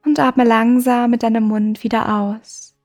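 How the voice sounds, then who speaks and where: A woman hosting a meditation podcast, guiding the listener in a soft, slow, soothing way with long pauses. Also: a little high, level tone. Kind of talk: guided meditation. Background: music.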